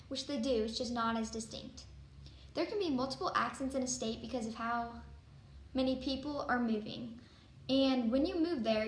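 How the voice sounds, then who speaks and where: A woman's voice: on the high side, echoey room, slight background noise. A woman hosting a casual home video show, explaining things in a chatty way. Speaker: host.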